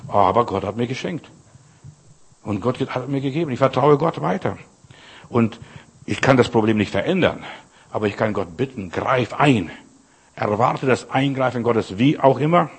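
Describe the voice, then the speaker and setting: A man's voice: medium pitch, husky. An older man preaching a sermon, earnestly speaking straight to the listener and quoting scripture. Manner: earnest, addresses listener directly, quotes scripture.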